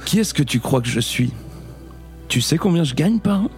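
A man's voice: on the high side, expressive, normal speed, a little mellow, soft background music, lightly acted. A man playing a cold, menacing middle-aged drug kingpin in a comic read-through.

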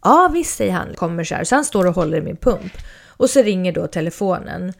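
A woman's voice: lowish voice, a little mellow. A young adult woman chatting casually about her own experiences, rambling with fillers and restarts. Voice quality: creaky. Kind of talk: casual personal storytelling.

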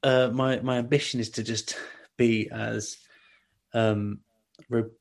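A man as a podcast guest, telling long stories in an animated way with many restarts and asides. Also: medium pitch, slow, creaky. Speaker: guest, outdoor cooking video maker. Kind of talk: casual podcast interview.

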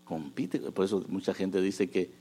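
A man preaching a sermon, moving between hushed asides and loud, emphatic bursts. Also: low-pitched, normal speed, breathy edge.

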